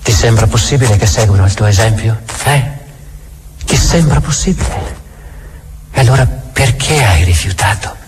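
An actor playing a bitter, accusing, imperious inquisitor in a theatrical monologue, deliberate and full of rhetorical questions. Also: male voice, fairly low pitch, noisy background, close to an everyday voice.

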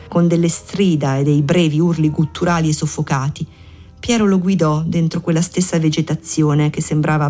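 A woman narrating a literary audiobook in a measured, even storytelling manner. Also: low-pitched.

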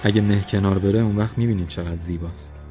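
A man's voice: sits low, fairly even intonation, lo-fi sound, over music, natural voice. A man voicing a polite, earnest young man from a village. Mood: defiant.

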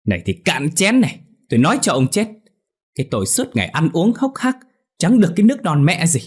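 A man voicing a hot-tempered older market woman who scolds her drunk husband in a shrill, cursing voice. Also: sing-song, brisk, husky. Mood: furious scolding.

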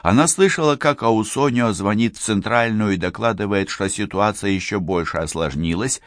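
Man, audiobook narrator, low voice, expressive, dry sound. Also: moderate pace, no echo. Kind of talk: scripted narration.

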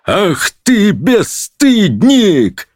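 A man voicing a blustering, pompous judge who roars and drags out his insults in a high, strained voice. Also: big pitch swings, no echo, clean studio sound. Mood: roaring. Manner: roaring, bullying, drawn-out shouts.

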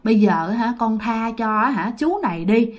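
A woman voicing a frightened but soft-hearted elderly grandmother who speaks in a gentle, coaxing way. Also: fairly high pitch, animated, normal speed, voice pushed down, natural voice.

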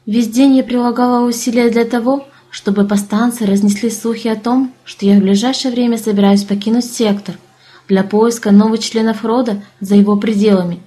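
A woman narrating an audiobook in a measured, even reading. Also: on the high side. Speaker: audiobook reader.

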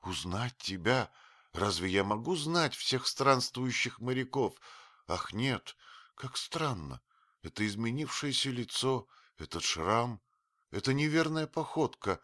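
A man reading an audiobook, voicing a very old grieving female servant who wails and scolds in a strained high voice. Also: animated, a little slow, fairly bright tone, no room sound, clean studio sound. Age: older.

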